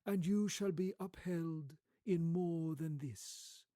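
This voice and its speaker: Man voicing an ageless, slow, high gentle spirit. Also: no room sound, studio quality. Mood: gentle, solemn. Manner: measured, solemn, unhurried. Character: ageless childlike-old spirit, calm, gentle, commanding. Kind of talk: storybook radio play acting.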